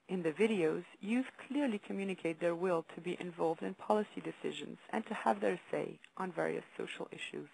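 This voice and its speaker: A woman reading a formal, measured presentation about a youth video project on a webinar. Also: on the low side, creaky, a little mellow, low-quality recording. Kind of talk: read-out presentation.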